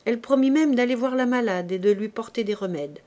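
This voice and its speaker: A woman narrating a classic novel as an audiobook reader, in a measured, even storytelling delivery. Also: a little high.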